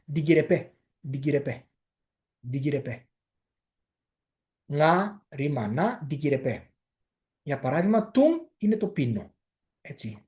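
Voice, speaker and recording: A man giving a casual spoken language lesson, explaining patiently and repeating phrases slowly so they can be copied, with frequent hesitant fillers. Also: fairly high pitch, a little mellow. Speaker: language teacher.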